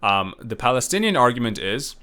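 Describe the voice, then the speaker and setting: A professor delivers a loose, chatty recorded lecture at a fairly quick clip, with a mid-range, sing-song voice and a sharp edge. He fills it with fillers and restarts, often correcting himself and hesitating over names.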